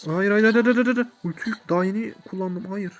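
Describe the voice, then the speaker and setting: A man giving chatty, excitable let's play commentary, talking to the game and his viewers and sprinkling in English gaming words. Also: sits high, fairly quick, faint music behind. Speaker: gamer.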